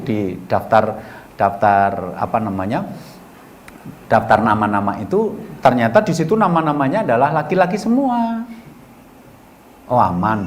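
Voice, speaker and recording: A man's voice: medium pitch, a little hiss or hum. A middle-aged man giving a colloquial storytelling sermon as a preacher, acting out both sides of the dialogues he recounts.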